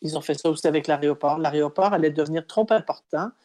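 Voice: medium pitch, fast talker, warm tone. Hesitant guest explaining at length. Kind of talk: conversational explanation.

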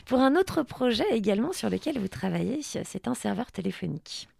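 A woman's voice: a little high, very animated, fairly quick, gravelly, a little mellow, slightly rough. A woman hosting an interview in a conversational broadcast style. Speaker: interview host.

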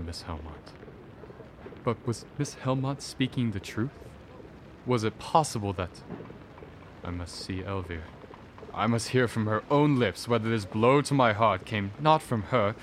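An actor playing Arthur, a theatrical Victorian gentleman torn between tender devotion and bitter fury at his wife. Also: mid-range voice, slight background noise, close to an everyday voice. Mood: brooding. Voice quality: theatrical, declamatory. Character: Victorian gentleman Arthur, tormented lover turned furious husband. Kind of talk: radio drama acting.

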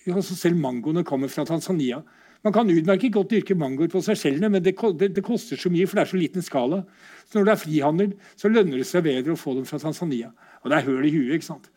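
A man's voice: sits high, mellow. A middle-aged Norwegian man giving a casual, conversational lecture over slides, often asking rhetorical questions.

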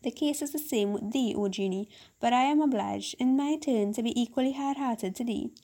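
A woman's voice: on the high side, normal speed, warm tone. A woman voicing a poor, wary fisherman in a storybook reading, using archaic, cautious speech. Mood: stern.

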